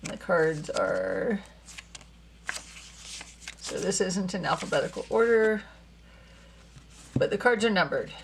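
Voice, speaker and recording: A woman's voice: medium pitch, expressive, takes it slowly, vocal fry, long pauses, a little hiss or hum. A woman hosting a casual tarot unboxing video, musing to herself as she handles the cards, a little out of breath. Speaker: tarot channel host.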